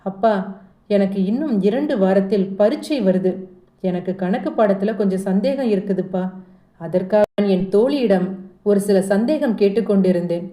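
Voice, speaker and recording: A woman's voice: mid-range voice, moderate pace, dark tone, close to an everyday voice. A woman voicing a defensive teenage girl who pleads and protests in a told story. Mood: defensive pleading. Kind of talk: storytelling dialogue. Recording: echoey room.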